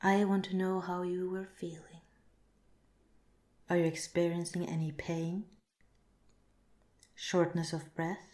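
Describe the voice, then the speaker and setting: In a softly spoken, partly whispered ASMR roleplay, a woman with a lowish voice plays a calm, curious alien researcher. Her phrasing is formal, measured and clinical, with a pedantic, curious mood. The recording is roomy, with her voice echoing.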